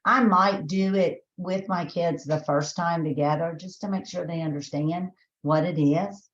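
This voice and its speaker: A Texas woman with a Southern accent presents a teacher training webinar in a chatty way, thinking aloud with restarts and fillers. Her voice is lowish with fairly even intonation and an unhurried pace. The sound is roomy and lo-fi.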